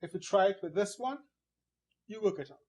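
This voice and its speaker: A man teaching a poetry lesson, explaining patiently and stressing syllables deliberately while he marks up a board. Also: high-pitched, lively intonation, a little mellow, rough recording. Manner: annotates a board or screen as he talks.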